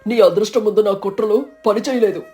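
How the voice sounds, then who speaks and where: A scheming, envious village man from an animated storybook, as a woman puts him on, full of bitter grumbling. The voice is dark and mellow, a little removed from the mic, over faint background music. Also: medium pitch, brisk, close to an everyday voice. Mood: dismayed. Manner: bitter, self-pitying outbursts. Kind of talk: storybook character voice.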